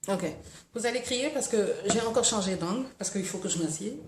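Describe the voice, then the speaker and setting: A woman from Senegal talks her viewers through her morning in a relaxed, chatty vlog. The room around her gives the voice a clear echo, with a faint hiss underneath. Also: mid-range voice, a little fast. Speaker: lifestyle vlogger. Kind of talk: casual vlog chat. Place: room at home. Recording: echoey room, faint noise.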